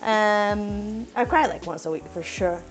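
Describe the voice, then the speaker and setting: Faint music plays behind a young woman vlogging as she cooks in her home kitchen, describing her own voice as squeaky. She chats casually and rambles with fillers and restarts while deliberately trying to talk slowly.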